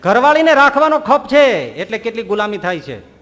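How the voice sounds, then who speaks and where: A man preaching a sermon, telling animated stories and asking rhetorical questions. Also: high-pitched, normal speed, long reverb tail. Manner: animated storytelling, rhetorical questions, voices quoted figures. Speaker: Swaminarayan preacher.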